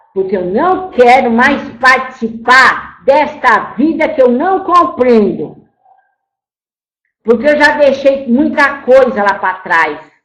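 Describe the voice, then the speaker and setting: A woman's voice: high-pitched, pushed and bright, exaggerated voice. Woman channeling an old grandmother spirit. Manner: storytelling, repeats "my child", scolds then grieves. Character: old grandmother spirit, once enslaved, scolding and tender. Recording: roomy echo.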